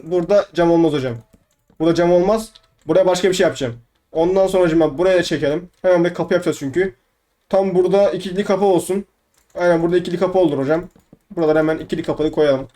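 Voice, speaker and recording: With a fairly high, warm-toned voice, a young gaming YouTuber chats through casual let's-play commentary. He swears playfully and tends to repeat words over and over.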